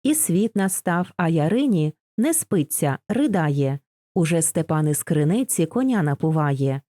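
A woman narrating a poem for an audiobook, measured and expressive. Her voice is low-pitched and mellow. The recording is close and dry, with no room sound. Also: no room sound. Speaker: audiobook reader.

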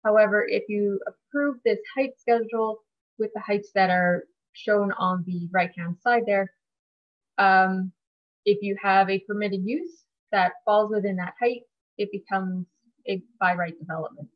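A woman city planner giving measured technical explanations on a video call. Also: mid-range voice, muffled recording.

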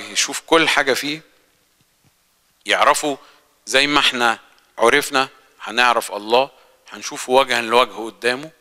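An Egyptian man preaches to his congregation in a very bright, ringing voice with a smooth, crisp tone. His delivery is earnest and conversational, full of questions aimed at his listeners. Long reverb from the church hall trails behind his words. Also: mid-range voice. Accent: Egyptian Arabic. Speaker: lay preacher. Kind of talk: sermon.

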